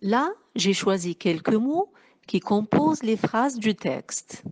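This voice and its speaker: Brief: woman schoolteacher, very slow deliberate delivery, melodic rising and falling voice, spells out syllables. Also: medium pitch, expressive. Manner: slow, syllable-by-syllable dictation, addressing pupils warmly as children. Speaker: teacher. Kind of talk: slow phonics lesson for young children.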